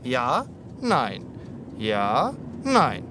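Swooping, playful talking zebra. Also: male voice, medium pitch, huge pitch swings, background noise, exaggerated voice. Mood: mock solemn. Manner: theatrical, self-important, drawn-out words. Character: cheerful talking zebra, playful know-it-all road safety expert. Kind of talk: children's audio drama acting.

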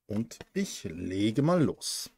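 A man's voice: fairly low pitch, big pitch swings, drawn-out words, a little mellow, breathy edge. A man co-hosting a livestream, reading a novel aloud with small stumbles and self-corrections.

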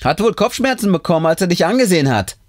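A man voicing a sharp, mocking female schoolteacher who speaks in a snide, teasing way. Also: high voice, sing-song, fast, dry recording, studio quality, voice pushed up.

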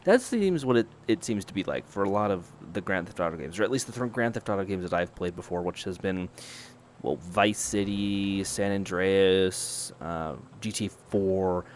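A man's voice: low voice, normal speed, slight background noise. A man giving casual gameplay commentary, rambling and chatty, often breaking off his own sentences. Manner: rambling, chatty, self-interrupting.

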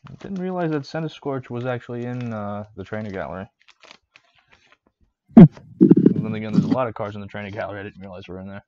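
A man's voice: lowish voice, a little fast, pauses often, mellow, highs cut off. Casual streamer man reading card names. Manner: reads card names off in a list, with fillers and restarts. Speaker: streamer opening trading card packs. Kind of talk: casual live-stream chat.

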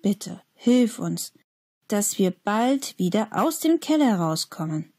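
A woman's voice: mid-range voice, very animated, slow pace, dark tone, heavily acted. A woman voicing an earnest young schoolboy who pleads and believes in storybook scenes.

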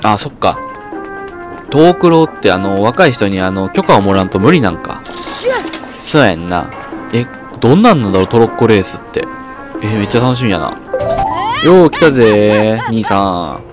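A man's voice: on the low side, sing-song, brisk, over music. A young man giving casual gameplay commentary, chatting to himself and reading game lines aloud. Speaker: game streamer.

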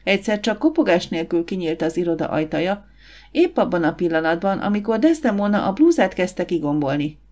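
A woman narrating an audiobook in a measured, steady way. Her voice sits slightly low for a woman. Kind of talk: scripted narration.

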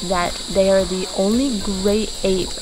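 A woman's voice: mid-range voice, fairly even intonation, unhurried. Woman, travel vlogger, casual chat, enthusiastic, outdoor camera audio, insects and hiss behind. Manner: enthusiastic, explains facts. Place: outdoors at a wildlife sanctuary.

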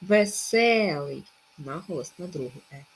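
Woman, middle-aged, teacher, slow word-by-word dictation, animated pitch. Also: a little hiss or hum. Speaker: primary school teacher. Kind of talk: recorded remote lesson for children.

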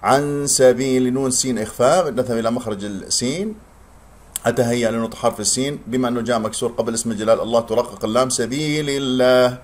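A man teaching tajweed. He explains pronunciation rules quickly, then recites words slowly and drawn out. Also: mid-range voice.

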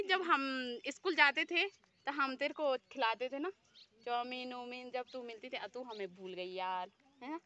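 Woman vlogger, teasing and bossy with kids, high voice, outdoor phone recording. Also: bright, forceful tone. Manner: teasing, scolding in a friendly way. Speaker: vlogger chatting with village children. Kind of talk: casual chat. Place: outdoors in a hill village.

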